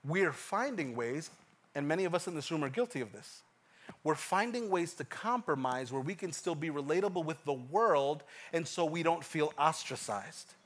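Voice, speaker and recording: Man preaching, high voice, animated, hushed-to-loud swings, repeats phrases, thirties. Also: normal speed. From Ecuador. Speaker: pastor. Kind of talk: sermon.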